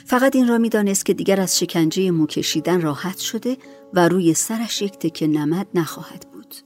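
Soft-voiced woman narrating a story. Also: fairly low pitch. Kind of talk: audiobook narration. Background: faint music.

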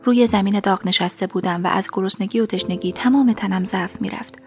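A woman reading a first-person story aloud as an audiobook, in a soft delivery that often drops to a half-whisper. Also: medium pitch, soft background music. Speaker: audiobook narrator.

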